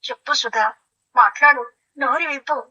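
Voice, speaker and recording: A woman voicing a sentimental young husband in a comic audio play, talking slowly and melodramatically with sighs. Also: sits high, pushed and bright, dull audio. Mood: wistful. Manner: slow, sighing, melodramatic.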